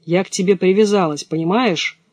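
A man's voice: high voice, fairly quick, a little mellow, no echo, clean studio sound, close to an everyday voice. A man reading the part of a bold, bossy young robber girl in a brusque, commanding way.

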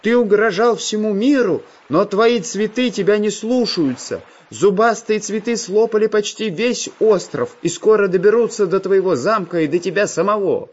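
A man's voice: high voice, expressive, moderate pace, hardly any pauses, voice pushed up. A man voicing a bold, defiant magic pencil artist. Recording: slightly dull, faint music.

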